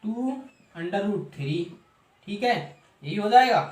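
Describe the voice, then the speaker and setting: Hindi math teacher in an echoey room. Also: male voice, high-pitched, lively intonation, takes it slowly. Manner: asks and answers his own questions, repeats steps. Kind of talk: classroom explanation of a trig table.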